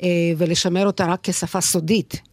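A woman's voice: fairly low pitch, fairly even intonation, darkish tone, no echo, clean studio sound. A woman professor who is a native Russian speaker, explaining her field as an interview guest in Hebrew with a Russian accent, often adding short check questions. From former Soviet Union. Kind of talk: academic interview answers.

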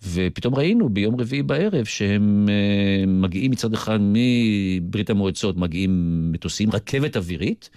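An older man with an Israeli accent, telling his recollections deliberately, with asides, as a guest in a radio interview. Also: lowish voice, animated, warm tone, no echo, clean studio sound. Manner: deliberate storyteller who digresses into asides. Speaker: interview guest, retired military intelligence officer.

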